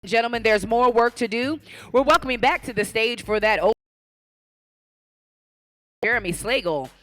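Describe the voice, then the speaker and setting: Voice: medium pitch, normal speed, bright, forceful tone, rough recording. A bodybuilding show announcer speaking live from the stage, calling out directions to competitors and addressing the audience. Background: event music.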